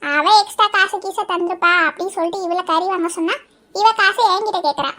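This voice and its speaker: A woman's voice: fast talker, bright, forceful tone. A woman voicing chattering village women who squabble and scold while cooking in a cartoon comedy. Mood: grumbling. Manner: squeaky, bossy, scolding chatter.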